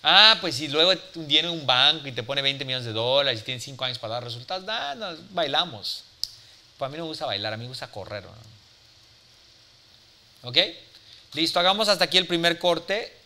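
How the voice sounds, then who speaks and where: A man in his forties giving a live mentoring talk, blunt and forceful, swearing freely and checking in with the audience. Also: on the high side, animated, moderate pace. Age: 40s. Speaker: business speaker and mentor.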